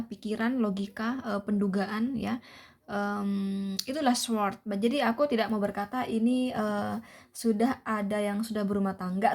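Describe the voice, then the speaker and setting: A woman's voice: medium pitch, a little mellow. A young woman giving a chatty tarot reading to viewers, repeating herself often with many fillers and tag questions. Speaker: tarot reader.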